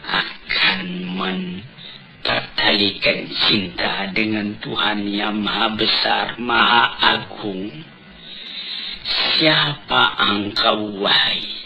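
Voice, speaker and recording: Gravelly male preacher on old cassette tape. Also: fairly low pitch, rough recording. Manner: deliberate, emphatic preaching with rhetorical questions. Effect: old cassette tape recording. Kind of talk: sermon. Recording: cassette tape recording with music behind.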